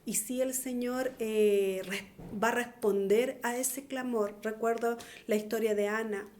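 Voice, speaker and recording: A woman's voice: a little high, fairly even intonation, unhurried, a little mellow. A middle-aged woman giving an earnest, pleading testimonial sermon. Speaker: preacher.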